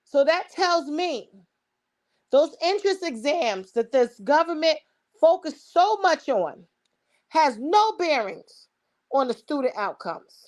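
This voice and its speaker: Woman, Brooklyn accent, high pitch, emphatic delivery, informal opinionated solo commentary. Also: big pitch swings, takes it slowly, a little mellow. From Brooklyn, New York. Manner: emphatic, rhetorical questions, swearing.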